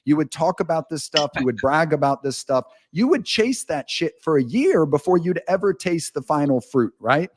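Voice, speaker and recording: Speaking at normal speed with few pauses, this slightly high, expressive male voice belongs to an author guesting on a podcast. He rambles through stories with candor and frank asides during a casual conversation.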